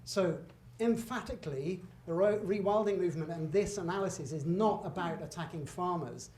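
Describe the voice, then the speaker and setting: A man's voice: fairly high pitch, darkish tone. A middle-aged man giving a public lecture with slides, talking in a conversational, emphatic way with asides and self-corrections. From Britain. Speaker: guest lecturer. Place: lecture hall. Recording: echoey hall, faint room noise.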